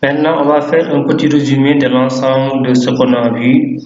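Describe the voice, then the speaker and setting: A man's voice: little pitch movement, a little mellow. A man teaching a language lesson, drawing out each word for pronunciation drills. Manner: drawn-out, drilled pronunciation of words. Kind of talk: slow, deliberate language lesson. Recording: echoey room, dull low-fi sound.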